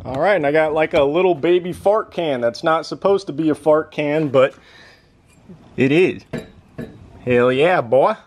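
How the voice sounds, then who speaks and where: Excitable man rambling about his car. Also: fairly high pitch, fairly quick, few pauses, noisy background. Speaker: car enthusiast vlogger. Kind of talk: casual vlog commentary.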